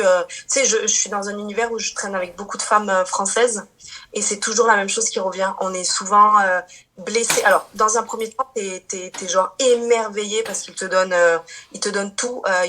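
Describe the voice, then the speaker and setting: A woman's voice: mid-range voice, a bit bright. A woman in her thirties, a podcast guest chatting casually and talking at length, with frequent fillers. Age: 30s. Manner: chatty, many fillers and restarts, laughs easily. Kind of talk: casual chat.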